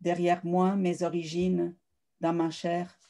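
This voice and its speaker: Woman, poet reading her own work, even and level delivery, warm dark tone. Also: on the low side, slow. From South America. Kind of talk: poetry reading.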